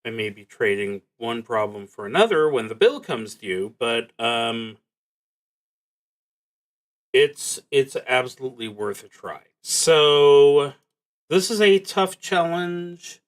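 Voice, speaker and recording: Speaking in a mid-range voice, a man narrates a solo tabletop roleplaying session as he thinks it through. He pauses and muses as he goes, frequently leaving a thought unfinished.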